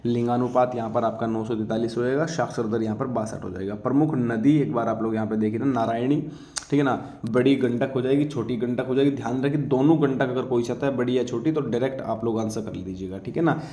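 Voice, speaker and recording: A male exam coach lectures informally in an echoey room, asking students check-in questions and answering his own. His mid-range voice is warm and fairly even, and he speaks briskly.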